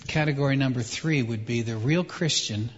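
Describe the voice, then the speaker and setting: Preacher, male, husky, echoey hall, dull sound, phrase-by-phrase delivery. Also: medium pitch. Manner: emphatic, pauses for translation. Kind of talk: sermon in short phrases for an interpreter.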